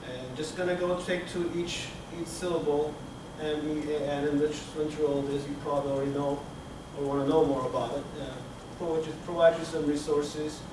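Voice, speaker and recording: A man from Turkey, his voice on the high side and his tone steady, delivers a technical talk in a reverberant conference room with a projector screen. Fillers, pauses and restarts make his delivery halting. He is far from the recording device, a room camera at the back of the hall, so room noise comes through.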